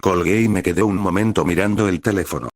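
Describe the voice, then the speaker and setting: A man narrating a first-person story in a slow, even reading voice. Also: sits low, dry recording, clean studio sound.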